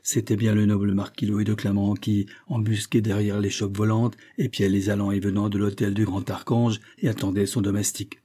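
Low, husky male audiobook reader. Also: flat delivery, brisk, hardly any pauses, mellow. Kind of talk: reading a classic novel aloud.

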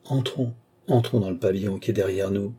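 A man's voice: lowish voice, brisk, dark tone, husky. A man playing an ardent, passionate mesmerist who questions his entranced lover eagerly and urgently.

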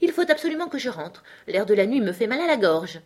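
A woman's voice: a little high, big pitch swings, fast talker, a little mellow, voice pushed up. A woman reading the part of an old fussy magpie in a storybook, mumbling.

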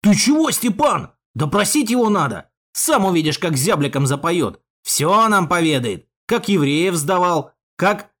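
A man doing a shouty hothead youth. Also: sits high, wildly swooping pitch, moderate pace, few pauses, voice pushed up, full character voice. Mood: insistent. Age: young adult. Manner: loud, shouting, belligerent. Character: hot-headed young male Komsomol leader, quarrelsome.

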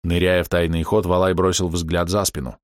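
A man narrating a fantasy audiobook in a steady, even storytelling manner, close to the mic. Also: low voice, normal speed, no echo.

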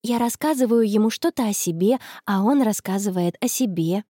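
Storybook teen girl, dreamy and stubborn, read by a woman; soft, dry, close delivery. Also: medium pitch, normal speed, slightly rough, no room sound, close to an everyday voice. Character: dreamy stubborn schoolgirl in love, teenage.

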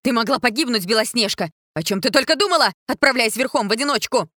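Woman doing a shrill, furious jealous queen. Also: animated, fairly quick, no room sound, studio quality, close to an everyday voice. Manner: shrill shouting and biting sarcasm.

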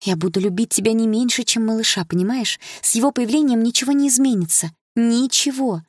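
Woman reading as a gentle pleading mother. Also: a little high, a little fast, slightly rough, no room sound, clean studio sound, voice pushed up. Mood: soft pleading. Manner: soft, pleading, patient. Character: worried mother, gentle and defensive.

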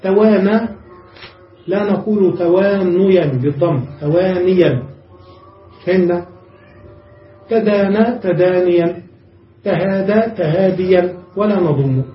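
A high-pitched male teacher giving a grammar lecture, working through each rule patiently and pausing to ask his class whether they have understood. The recording is muffled and taken from a distance in a reverberant room. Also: a little hiss or hum. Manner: explains step by step, checks understanding with the class. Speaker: sheikh teaching Arabic grammar. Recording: dull, echoey room, distant mic.

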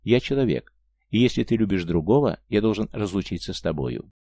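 A man's voice: lowish voice, expressive, brisk, warm tone, no echo. A man voicing a lovesick, desperate young man in an audiobook, pleading.

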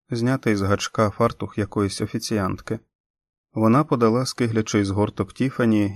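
Low-voiced male audiobook narrator. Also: dry recording. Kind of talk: scripted narration.

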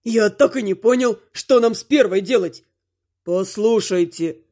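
A woman voicing a haughty dark henchman. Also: medium pitch, measured pace, voice pushed down. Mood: haughty menacing. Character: arrogant male dark-lord henchman, menacing.

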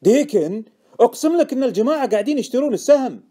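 A man with a Gulf Arabic accent voicing an excitable, insistent male stock tipster in an audiobook. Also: fairly high pitch, normal speed, voice pushed up. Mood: indignant. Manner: insistent, indignant, loud. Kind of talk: audiobook character voice.

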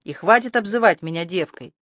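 A prickly young village girl, wary and quick to take offense, voiced by an audiobook narrator. The sound is close and dry, with a middling pitch. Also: animated, a bit bright, no echo, lightly acted. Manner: wary, indignant. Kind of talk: audiobook character voice.

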